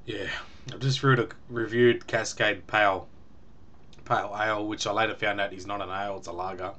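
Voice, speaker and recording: A man's voice: on the low side, steady tone, brisk, bright, forceful tone. Chatty man reviewing beer on webcam. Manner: chatty, rambling, with frequent ums and small laughs. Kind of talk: casual home video review. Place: small room at home, indoors.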